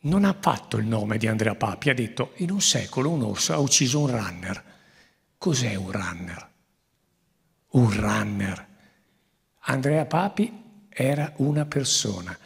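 A man's voice: medium pitch, gravelly, husky. A man moderating a public meeting, exhorting the audience with emphatic repeated warnings. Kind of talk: public talk at a conference. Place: theatre stage before a large audience. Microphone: handheld microphone. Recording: long theatre reverb.

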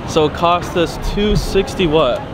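A man's voice: on the high side, a little slow, noisy background. A young man chatting and joking to viewers in a casual travel vlog, filmed outdoors on a handheld camera at arm's length. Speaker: vlogger. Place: outdoors at a busy seaside mall.

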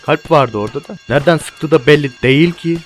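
A man giving casual, excitable gameplay commentary as a let's play gamer, swearing and talking to his viewers as friends. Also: on the high side, fast, soft background music.

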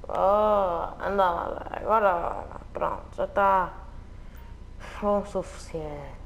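Slow-talking European Portuguese man. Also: high voice, creaky, a bit bright, a little hiss or hum. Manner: joking, slangy, repetitive banter. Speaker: gameplay commentator. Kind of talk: casual gameplay commentary.

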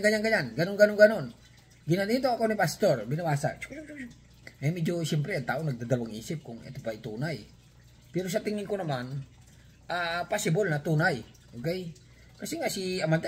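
A fairly high-pitched man from the Philippines with a husky edge to his voice talks through a news story as a channel host. He rambles in a chatty, offhand way, pausing often and tossing asides at his viewers. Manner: rambling, chatty, full of hesitations and rhetorical asides. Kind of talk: casual news reaction commentary.

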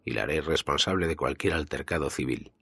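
A man's voice: rumbling low, a little fast, gravelly, fairly bright tone, husky, no room sound, clean studio sound, exaggerated voice. A man with a Spanish accent reading a cold, condescending army colonel in an audiobook, with curt lines. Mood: contemptuous. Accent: Spain.

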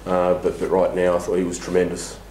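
This deep, monotone voice belongs to a middle-aged basketball coach talking frankly after a match, full of fillers and false starts. He speaks a little fast, with a slightly mellow quality. The press conference takes place in a small room before a sponsor backdrop, captured through a table mic on a stand in an echoey space with faint hiss.

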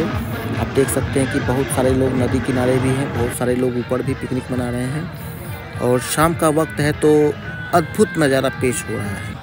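A man narrating a casual travel vlog at a riverside picnic spot, talking to viewers like friends. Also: medium pitch. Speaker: travel vlogger.

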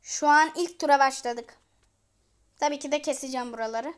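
High-pitched woman yelling at her game, repeats words over and over, chats to viewers like friends. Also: a little fast. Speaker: gamer and channel host. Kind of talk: live gameplay commentary.

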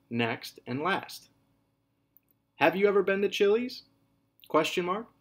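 This medium-pitched man teaches a recorded writing lesson to children in kindergarten and first grade. His manner is clear and patient: he repeats each point and addresses the kids as scholars. Example sentences bring out a lively, sing-song emphasis in his voice.

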